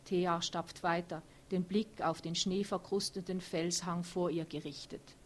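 A woman reading aloud from her own historical novel in a measured, even storytelling voice. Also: lowish voice, slight background noise.

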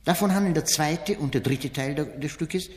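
A man giving a formal public reading, introducing a play in a measured, declamatory way. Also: fairly high pitch. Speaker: author-style reader introducing a play. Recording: long reverberant hall.

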